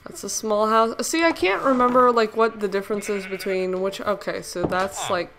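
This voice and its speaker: A woman's voice: mid-range voice, moderate pace, noisy background. Chatty young woman narrating her gameplay. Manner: chatty, giggly, playful sound effects. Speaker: gaming channel host. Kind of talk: casual Minecraft let's play commentary.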